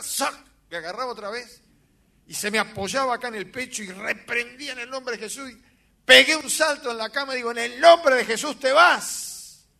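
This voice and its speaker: A man, a pastor telling a dramatic story in a sermon with sudden loud outbursts. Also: very high voice.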